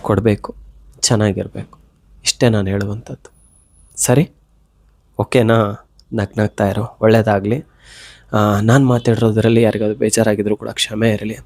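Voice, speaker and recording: A man with a fever, giving an earnest devotional pep talk straight to the viewer, pleading and gently coaxing. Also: on the low side, little pitch movement, normal speed, long pauses, no room sound. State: unwell with a fever. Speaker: devotional motivational speaker. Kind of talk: direct heartfelt address to the viewer.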